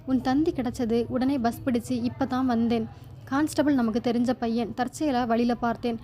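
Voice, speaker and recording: A woman voicing a gentle, worried older father-in-law in a storybook reading, speaking slowly and reassuringly. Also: on the high side, fairly even intonation, lightly acted. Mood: concerned. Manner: slow, reassuring. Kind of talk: storybook narration.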